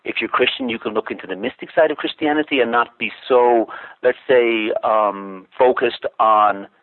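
Calling in to a talk show from Ireland, a man with a mid-range voice talks at normal speed, thoughtfully explaining his position while often restarting sentences and using fillers. The tinny phone line is dry, with no room sound.

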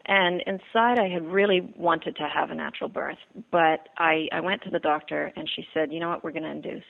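A woman from the Bahamas, telling her personal story as an interview guest, earnest and halting with fillers and repeats, heard over a phone line. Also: low-pitched, fairly even intonation, creaky.

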